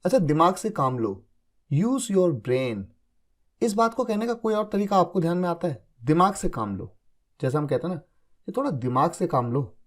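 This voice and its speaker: A male English teacher with a high, bright-sounding voice talks through example sentences one by one. He explains patiently, keeps checking that his students follow, and reads the English phrases slowly and deliberately. His pitch swings up and down a great deal as he talks. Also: lively intonation. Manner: explains patiently, checks understanding with repeated confirmations. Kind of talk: spoken English lesson in Hindi.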